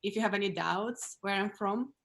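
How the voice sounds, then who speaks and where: Woman, Russian accent, stand-up comedian, deadpan, blunt, video call. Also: medium pitch, normal speed.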